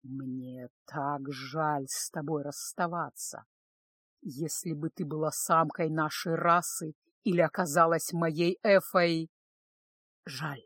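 A woman reading an audiobook plays a domineering serpent-bodied lord, male and possessive. He speaks slowly in a low, hushed murmur that drops well below her usual register. The recording is close and dry, with no room around it. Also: steady tone, no room sound, exaggerated voice. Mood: possessive, tender. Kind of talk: audiobook character voice.

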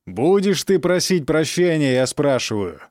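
A man's voice: mid-range voice, lively intonation, a little slow, no echo, studio quality, lightly acted. A man voicing a raging cruel count. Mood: stern. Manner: harsh, shouting, menacing.

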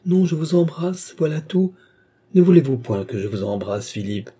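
A man's voice: fairly high pitch, big pitch swings, moderate pace, mellow, breathy edge, pitched above the performer's own voice. A man voicing a frail, nervous young noblewoman. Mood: protesting. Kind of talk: audiobook character reading.

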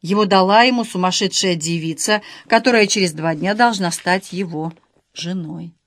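A woman reading an audiobook in a measured, wry narration. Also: on the low side. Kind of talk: scripted narration.

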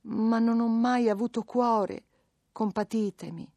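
A woman reading as a gentle sorrowful young woman. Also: a little high, steady tone, slow pace, dry recording, voice pushed up. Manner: soft, tearful, hesitant.

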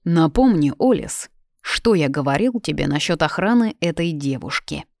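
A woman's voice: sits low, lively intonation, normal speed, vocal fry, darkish tone, no echo, studio quality. A woman voicing a harsh, hot-tempered young king who speaks coldly and mockingly. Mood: furious. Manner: cold, commanding, mocking.

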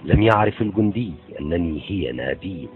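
A man's voice: sits low, lively intonation, brisk. A man reading a novel aloud, narrating in a dramatic storytelling manner. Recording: tinny phone-like sound, faint music.

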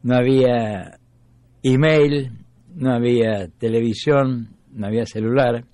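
An Argentine man in his nineties tells old family stories at an easy, pausing pace. His voice is warm and mellow, and the recording is close and dry. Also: medium pitch, steady tone, no echo. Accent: Argentine Spanish. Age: 90s. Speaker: interviewee, folk musician. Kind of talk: storytelling memories.

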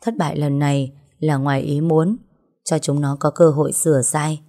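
A woman's voice: low voice, steady tone, moderate pace, warm tone. A woman voicing an older male retainer who speaks in a soothing, persuasive way. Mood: placating.

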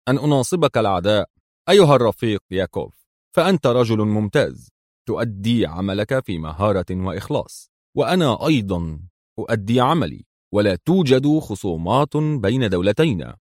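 Brief: man doing a cool, confident secret agent, calm delivery, dry close sound. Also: mid-range voice, no room sound.

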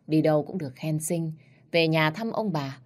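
A woman narrating a first-person audiobook story in a calm, reflective way. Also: low-pitched, moderate pace.

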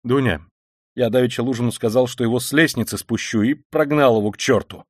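A man's voice: mid-range voice, a little fast, dry recording, clean studio sound, close to an everyday voice. A man reading an audiobook voices a feverish, exhausted young man who speaks in irritable, clipped demands. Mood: commanding.

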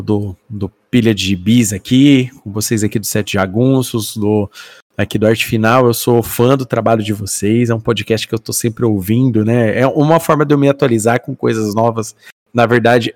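A man's voice: medium pitch, no echo, studio quality. A Brazilian man chatting casually as a podcast guest, talkative, often tagging on little questions. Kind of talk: casual chat.

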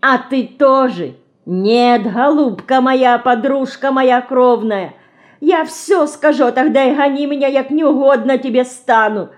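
A woman reading an audiobook, voicing an earnest village girl with Ukrainian-tinged rural speech who lectures slowly and solemnly. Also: high-pitched, voice pushed up. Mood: pleading. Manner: slow, solemn, folksy lecturing.

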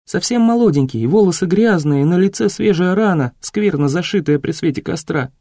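Guy reading an audiobook, high voice but warm and mellow, dry close mic. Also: no echo. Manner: measured, expressive reading. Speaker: audiobook narrator. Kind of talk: scripted narration.

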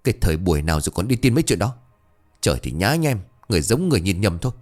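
A man voicing a gruff, domineering old father who is a moneylender, snapping and scolding. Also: low voice, expressive, fast, soft background music.

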